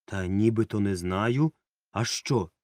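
A man voicing a kindly old village grandfather who speaks calmly and reassuringly. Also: lowish voice, no room sound, clean studio sound. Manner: calm, reassuring, unhurried.

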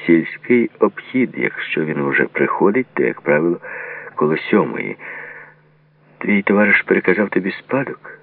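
A man's voice: sits low, expressive, normal speed, creaky, dry recording, full character voice. A man doing a curt, guarded gamekeeper. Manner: short, clipped replies. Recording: tinny phone-like lo-fi audio.

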